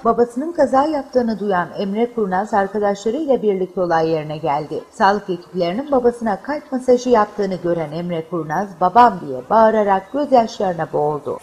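A woman narrating a local news report in a steady, formal news-reading voice. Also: mid-range voice, moderate pace, few pauses, slight background noise.

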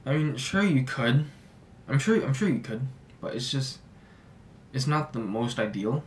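Young male fitness vlogger, relaxed filler-heavy delivery, mic a bit distant, faint hum. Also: medium pitch, a little slow. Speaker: fitness YouTuber. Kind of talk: casual talking-head advice. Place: small home office, indoors.

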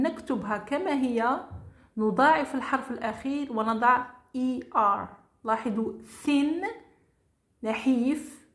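A woman teacher giving a grammar lesson, saying each English word slowly and repeating it with its meaning. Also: a little high. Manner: spells out words slowly, switches between English and Arabic. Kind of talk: slow classroom grammar lesson. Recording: echoey room.

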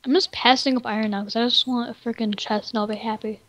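A woman's voice: a little high, steady tone, fast talker. A woman chatting casually while playing a game, playful and teasing, often giggling. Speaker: gamer co-host. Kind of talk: casual gameplay chat.

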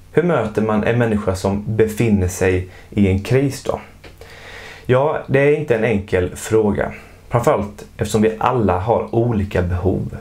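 A man giving calm, measured scripted narration for an educational explainer video. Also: lowish voice.

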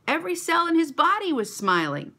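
A woman reading a children's story aloud to a church kids' club, expressive and animated. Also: very high-pitched, fairly quick.

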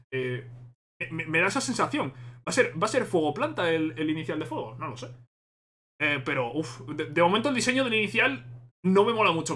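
A man with a Spain Spanish accent, reacting excitedly to a game trailer and thinking aloud as he repeats himself. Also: fairly high pitch, a little hiss or hum.

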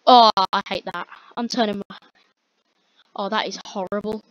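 A young woman giving rambling, exasperated commentary on a slow-loading online game while chatting with a friend. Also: mid-range voice, steady tone, fairly bright tone, no room sound. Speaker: gamer. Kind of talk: casual gameplay commentary. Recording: dull lo-fi dry recording.

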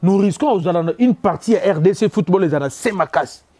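Man, Congolese French accent, high voice, mellow tone, emphatic repetitive football rant. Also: expressive. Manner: emphatic, repetitive, rapid code-switching. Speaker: football commentator. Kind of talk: opinion rant on local football.

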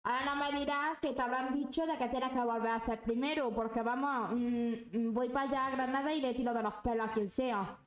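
A woman's voice: sits high, steady tone, brisk, few pauses, reverberant, poor audio. A young woman ranting angrily and swearing while chatting on a live stream. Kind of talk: casual live-stream chat.

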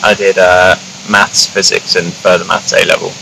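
A young man from New Zealand, an engineering student, answering interview questions in a relaxed, rambling way with many "like"s. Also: sits low, normal speed, creaky, low-quality recording. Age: young adult. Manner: relaxed, rambling, fills with "like" and "kinda". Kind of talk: casual interview. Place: outdoors in a grassy field. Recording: steady outdoor noise behind.

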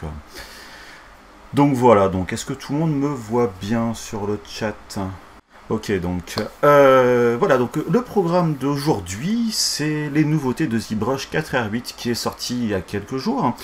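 A middle-aged man with a fairly low voice talks through a live tutorial from a small office. He lisps, his s sounds coming out slushy, and explains things informally with some hesitation. A fan whirs audibly behind him. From France. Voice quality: lisp, slushy s from a broken tooth. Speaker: software instructor and streamer. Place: small home office, indoors. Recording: clear fan noise behind voice. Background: whirring fan.

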